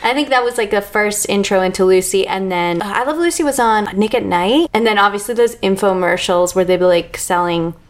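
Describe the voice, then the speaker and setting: A woman's voice: mid-range voice, a little fast, few pauses. A woman in her thirties from Delaware, a comedic performer chatting as an interview guest, rambling with lots of "like" and frequent laughter. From Delaware, USA. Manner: rambling, heavy use of "like", laughs often. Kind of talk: casual interview chat.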